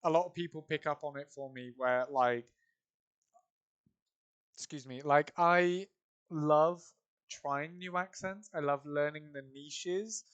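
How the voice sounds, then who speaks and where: A young adult man with an English accent, hosting a casual podcast chat, telling animated stories and laughing and swearing freely. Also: fairly high pitch, slow, long pauses, highs cut off. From England. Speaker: podcast host.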